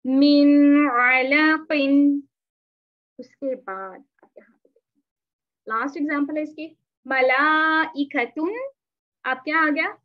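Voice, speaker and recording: High-voiced woman teaching recitation rules. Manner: asks the class questions and answers them herself; mixes in English words. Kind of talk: online tajweed lesson. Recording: dull lo-fi recording.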